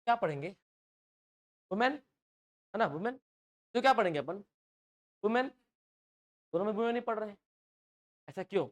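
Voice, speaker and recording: Drilling teacher with a Chhattisgarh Hindi accent. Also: male voice, high-pitched, animated, normal speed, pauses often. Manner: drilling, keeps asking "yes or no?" and having students repeat words. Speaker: English teacher. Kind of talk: live online class lecture.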